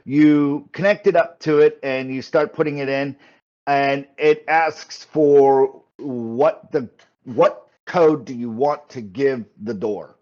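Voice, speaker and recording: A man's voice: mid-range voice, slow, a little mellow, dull audio. A man running a tabletop game as game master, narrating off the cuff and often repeating words as he explains.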